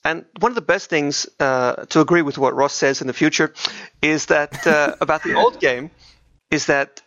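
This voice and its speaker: In a muffled, roomy home recording, a man co-hosts a casual podcast about video games with chatty, dry jokes. His voice has a fairly high pitch and fairly bright tone, and he speaks at a moderate pace.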